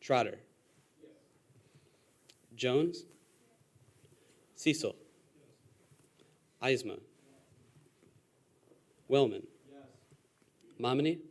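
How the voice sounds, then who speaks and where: Brief: young male student senate chair, brisk procedural delivery, mid pitch. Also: animated. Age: young adult. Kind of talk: parliamentary procedure.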